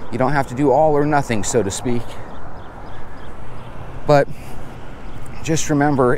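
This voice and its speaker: Male vlogger, middle-aged, medium pitch, walking while talking, casual and rambling, light street noise behind. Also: darkish tone. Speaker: host of a diet vlog. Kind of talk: casual chat to camera. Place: outdoors, walking along a suburban street. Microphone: clip-on lapel mic with furry windscreen. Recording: outdoor street ambience, passing vehicle noise.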